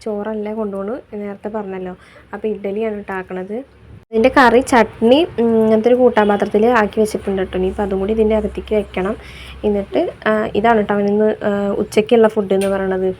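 Talking fast in a steady, medium-pitched voice, a young mother from Kerala chats through her daily chores for her vlog, tacking on a soft "you know" here and there. The voice-over was recorded separately and carries a slight hiss or hum.

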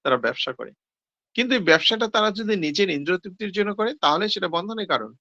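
Male seminar speaker, bright gravelly voice, self-answered questions, dull lo-fi sound. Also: high-pitched, lively intonation, fast talker, dry recording. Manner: explains with rhetorical questions and answers; hesitant, with fillers and self-corrections. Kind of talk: devotional scripture talk.

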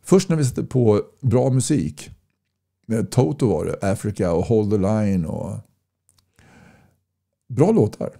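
Gravelly, dark-voiced man. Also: fairly low pitch, expressive, pauses often. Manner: blunt, folksy, repeats points with rhetorical questions. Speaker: political campaigner. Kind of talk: casual direct-to-camera talk reading viewer comments.

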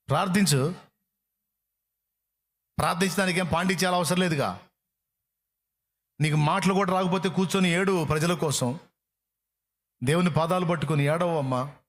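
A man preaching a sermon, impassioned, swinging from loud appeals to hushed pleading. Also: high voice.

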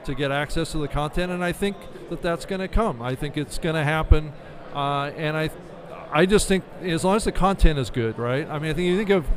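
Speaking briskly in a fairly high voice, a middle-aged man gives conversational, explanatory interview answers, often tagging on "right?". He's a podcast business manager interviewed at an indoor convention expo booth. A desk-stand studio microphone captures him.

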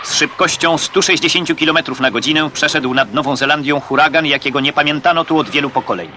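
A man narrating an old 1960s newsreel in a crisp, declamatory way, occasionally wry. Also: fairly high pitch, quick pace, background noise. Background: music.

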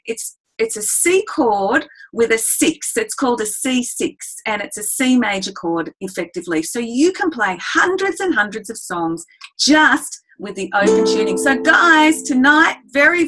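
A woman's voice: medium pitch, fairly bright tone, rough recording. A woman teaching a ukulele webinar, chatty and enthusiastic, showing the instrument as she explains. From Australia. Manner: enthusiastic, chatty, addresses listeners as "guys"; demonstrates on the ukulele while talking. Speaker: music educator.

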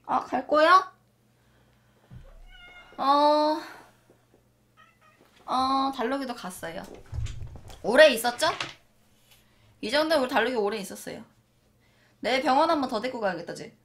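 Young woman babying her cats, high voice, bounces all over, pretend-polite masseuse talk. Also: expressive, unhurried, pauses often, fairly bright tone. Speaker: pet vlogger. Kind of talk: playful chat to her cats.

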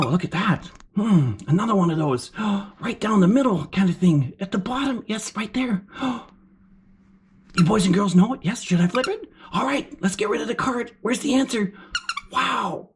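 A woman voicing an excitable, encouraging furry puppet as a kids show host, with gasps and exclamations while teaching children. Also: a little high. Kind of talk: children's lesson, sing-out praise and questions. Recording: clear background noise.

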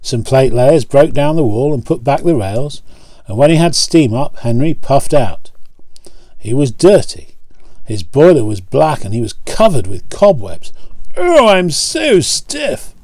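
A man reading a children's storybook aloud, pausing for gentle asides to his listeners. His pitch rises and falls with animation. The recording is dry and close. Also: animated, no room sound. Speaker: pastor.

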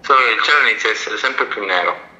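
A man's voice: lowish voice, fast, bright, forceful tone. Playful man on an echoey speakerphone. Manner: playful, teasing. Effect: heard over a phone on speakerphone. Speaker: partner of the vlogger. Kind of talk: casual phone chat.

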